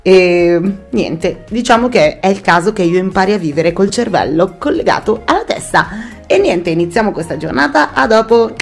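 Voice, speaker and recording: A woman's voice: medium pitch, normal speed, vocal fry, faint music behind. Chatty Italian woman vlogging at home. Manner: chatty, animated, self-mocking, with sudden exclamations. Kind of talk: casual daily vlog. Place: home rooms, a car, a bathroom. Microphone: handheld camera or phone at arm's length.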